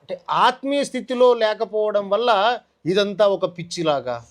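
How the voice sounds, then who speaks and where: A man's voice: sits high, animated, measured pace. A man giving a personal testimony in an interview, telling his story earnestly and acting out the lines of the people in it. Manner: earnest storytelling, acts out quoted dialogue. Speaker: testimony guest.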